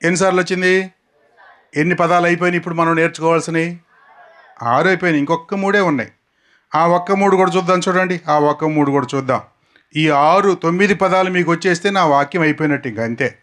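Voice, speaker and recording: A man preaching a sermon outdoors, repeating scripture words slowly and asking his listeners to say them back. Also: fairly high pitch, a bit bright. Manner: repeats key words slowly for the crowd to echo. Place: outdoors in the sun.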